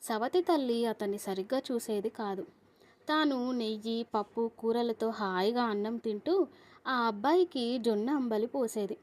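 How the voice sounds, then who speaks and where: A woman's voice: a little high, measured pace, a little mellow. A woman narrating a folk tale for an audiobook and greeting her listeners as friends. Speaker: storyteller.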